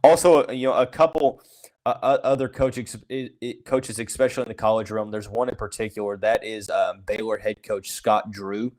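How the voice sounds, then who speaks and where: A man's voice: lowish voice, fairly even intonation, moderate pace, darkish tone, rough recording. Opinionated male sports podcaster. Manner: heavy use of "you know" fillers and restarts; frank, opinionated, says he calls it as he sees it. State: has the hiccups. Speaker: podcast host. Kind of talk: casual sports talk monologue.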